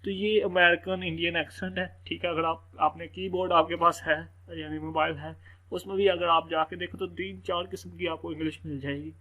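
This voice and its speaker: A man's voice: on the high side, fairly even intonation, fairly quick, phone-quality sound. A man teaching a language lesson, often checking with "theek hai". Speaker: English teacher. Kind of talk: explaining in a lesson.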